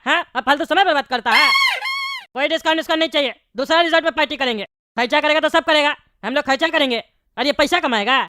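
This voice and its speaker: A woman voicing a bossy bald male politician in a cartoon comedy, scolding and bickering fast. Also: high voice, sharp tone, no echo, studio quality.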